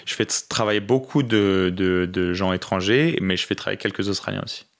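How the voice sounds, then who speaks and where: A young man from France answers questions in a loose, relaxed way, pausing on fillers and restarting his sentences. His voice sits very low with a gravelly edge. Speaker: interview guest, business owner in Australia. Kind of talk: casual podcast interview.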